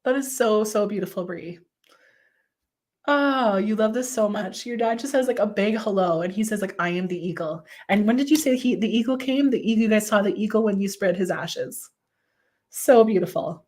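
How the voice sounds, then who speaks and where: A woman runs a live mediumship reading and talks to her viewers as she goes. Her voice sits at an ordinary middle pitch. She is effusive and tender, and her sentences are loosely strung together with "like" and "you know.". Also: moderate pace, darkish tone. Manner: gushing and affectionate, many "like" fillers, answers chat comments aloud. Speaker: psychic medium.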